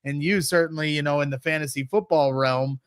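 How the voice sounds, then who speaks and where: A man appearing as a guest on a sports podcast, talking with eager, excited enthusiasm as a fan. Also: on the high side, fairly quick, clean tone, dry recording, studio quality. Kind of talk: casual sports podcast chat.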